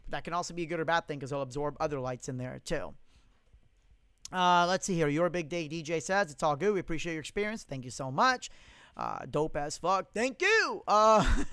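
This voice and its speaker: A man's voice: on the high side, a little fast, a bit bright, smooth, dry recording, studio quality. A young man hosting a casual live Q&A stream, reading out viewer comments and answering them bluntly, with plenty of swearing and strong opinions. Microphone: studio condenser mic.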